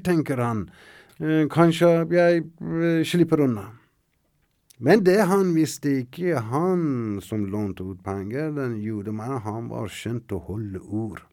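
A man from Iran with an Iranian accent, telling a folktale in an animated, dramatic way with shifting voices. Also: fairly high pitch, no room sound, clean studio sound. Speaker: storyteller. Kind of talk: oral folktale storytelling.

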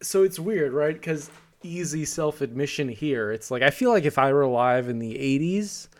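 A man's voice: a little high, animated, moderate pace. A young man chatting on a podcast in a loose, wry way. He laughs often mid-sentence and keeps an easy conversational tone. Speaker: podcast co-host. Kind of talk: casual podcast chat.

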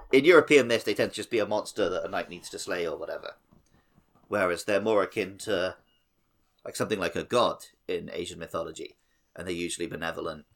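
This podcast co-host is a man with a low voice and fairly bright tone, casually rambling as he explains mythology and games.

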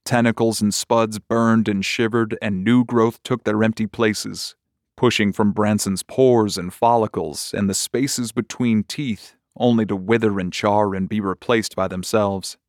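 Low-voiced man narrating horror. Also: fairly even intonation, a little slow, no echo, studio quality. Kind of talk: horror story reading.

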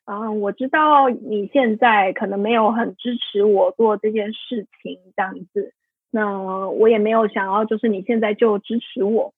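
Woman, husky, fairly high voice. Candid, rambling guest, lots of fillers. Tinny phone-line sound. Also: no echo. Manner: rambling, many fillers and self-corrections, emotional. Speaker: podcast guest. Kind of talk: candid personal storytelling.

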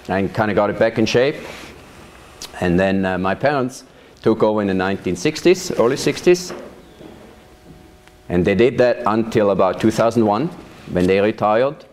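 A man, recounting his life in a measured, storytelling way during an oral history interview. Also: low voice, darkish tone. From Switzerland. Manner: measured storytelling with occasional laughs. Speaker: interviewee, vineyard manager. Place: his farm.

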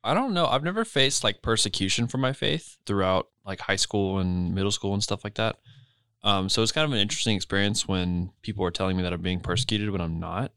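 A man's voice: fairly low pitch, fairly quick, sharp tone, clean tone, dry recording, clean studio sound. An eighteen-year-old man in college, talking earnestly and a little hesitantly in a casual family podcast chat. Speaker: podcast guest, son.

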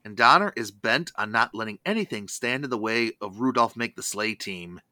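Casting: male review host, crisp bright tone, lively intonation, dry studio-style sound, scripted recap. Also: lowish voice, moderate pace, no echo. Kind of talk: scripted recap narration with asides.

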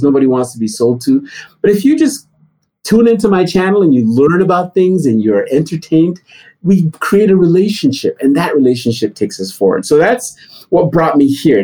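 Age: middle-aged. Sex: man. Origin: Nigeria. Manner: animated storyteller. Timbre: dark, husky. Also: low-quality recording. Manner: animated storytelling, rising high for emphasis. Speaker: guest. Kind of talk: interview answers.

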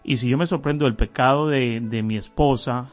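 A reflective man hosts a faith program, his voice at a middle pitch. He talks in a thoughtful, encouraging way, with quiet music underneath. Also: moderate pace. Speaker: host. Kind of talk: faith interview.

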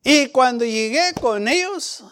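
A man's voice: very high voice, lively intonation, takes it slowly, a bit bright, a little hiss or hum. A man preaching a sermon, telling a personal story and acting out the dialogue. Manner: storytelling, acts out dialogue in changing voices. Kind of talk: testimony sermon.

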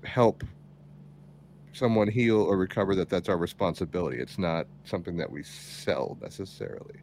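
A man's voice: low voice, fairly quick, darkish tone, slight background noise. A man playing a tabletop game, casual and easygoing as he speaks for his character. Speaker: player. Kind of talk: tabletop role-play chat.

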